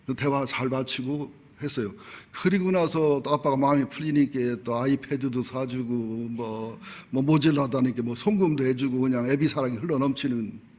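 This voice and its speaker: A man's voice: mid-range voice, normal speed, darkish tone. A middle-aged male pastor giving a sermon, telling personal stories candidly and with humor, acting out the voices he quotes.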